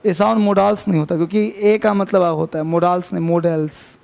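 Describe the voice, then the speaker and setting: High-pitched gravelly male teacher. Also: quick pace, darkish tone. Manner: addresses students as babu, chiding and repeating. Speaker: English teacher. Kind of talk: classroom grammar lesson. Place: classroom with students.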